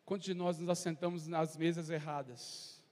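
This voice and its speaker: A man's voice: a little high, little pitch movement, normal speed, a little mellow. A man preaching a sermon, fervent, firing rhetorical questions at the congregation. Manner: impassioned, rhetorical questions, acts out crowd voices. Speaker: pastor. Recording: long hall reverb.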